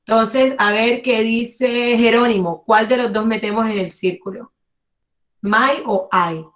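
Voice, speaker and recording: A woman's voice: fairly high pitch, fairly even intonation, a little slow, a bit bright. A woman teaching an online English class, cheering students on and exaggerating English sounds for them to copy.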